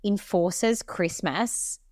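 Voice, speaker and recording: A woman's voice: mid-range voice, drawn-out words, darkish tone, no room sound, studio quality. A woman co-hosting a podcast in casual chat, blunt and swearing offhandedly while giving advice. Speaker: podcast co-host.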